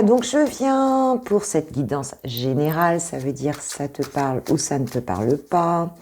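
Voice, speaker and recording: A woman's voice: low-pitched, mellow, a little hiss or hum. A French woman coaching intuitively, talking casually through a tarot reading with many hesitations and repeated points.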